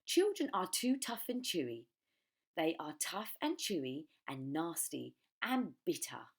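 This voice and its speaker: A woman's voice: low-pitched, very animated, a little slow, slightly rough, full character voice. A woman voicing a smaller storybook crocodile, sceptical and sneering as it contradicts. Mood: disgusted.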